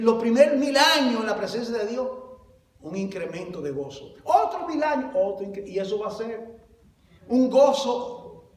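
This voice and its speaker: Animated high-voiced pastor preaching in a hall. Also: male voice, distant mic, slight background noise. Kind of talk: sermon. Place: church hall.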